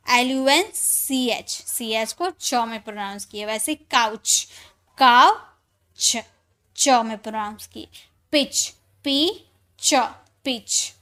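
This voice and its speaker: Female teacher, high voice, patient, repeats every example word, classroom explainer. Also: a bit bright. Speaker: English teacher. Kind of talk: spelling lesson for Hindi speakers.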